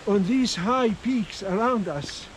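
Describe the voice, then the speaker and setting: High-voiced man chatting outdoors, reflective. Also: takes it slowly, low-quality recording. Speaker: trekker. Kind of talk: casual chat. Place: outdoors on a mountain trail. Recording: outdoor ambient noise.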